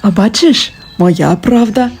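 A woman's voice: mid-range voice, takes it slowly, darkish tone, breathy edge, soft background music. A woman voicing a greedy, smug male wolf who gloats in a storybook tale. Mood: gloating.

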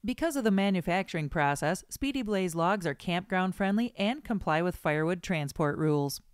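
A woman narrates a segment in an even, informative voice. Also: on the low side, a little fast, clear, resonant tone, dry recording, studio quality. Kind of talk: scripted narration.

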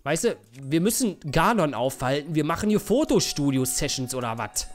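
A man's voice: fairly high pitch, big pitch swings, normal speed, faint music behind. A young man hosting a let's play, giving casual, sarcastic, joking commentary with mumbled asides.

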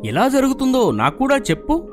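Woman voicing a curt, demanding male police officer for a horror storybook, with a lively, swinging voice. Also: high voice, a little fast, soft background music. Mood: stern.

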